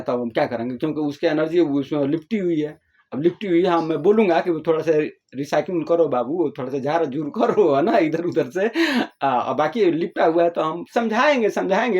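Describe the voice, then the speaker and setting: A man's voice: a little high, darkish tone, breathy edge, highs cut off. A man from northern India casually about spiritual questions, repeating himself and acting out small everyday dialogues as examples. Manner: repetitive, explains with homely examples, acts out little dialogues.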